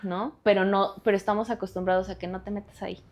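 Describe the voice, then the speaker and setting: A woman's voice: mid-range voice, level tone, quick pace. Woman, Mexican accent, podcast guest, lawyer and activist, earnest, direct. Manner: earnest, direct, appealing to listeners. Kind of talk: podcast interview.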